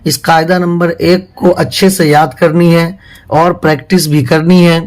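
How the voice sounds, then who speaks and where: A man teaching Quran reading step by step, drawing out each syllable slowly in drills between plain explanations. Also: fairly high pitch, little pitch movement, rough recording.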